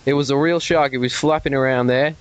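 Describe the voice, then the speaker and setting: Speaking a little fast with fairly even intonation, the Australian man on the telephone has a mid-range voice. He's pulling a prank call, rambling, stammering, and dropping swear words when he works himself up.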